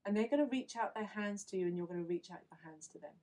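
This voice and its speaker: Woman with a mellow voice guiding a meditation. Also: medium pitch. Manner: slow, soothing, instructive. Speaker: meditation guide. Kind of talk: guided visualization.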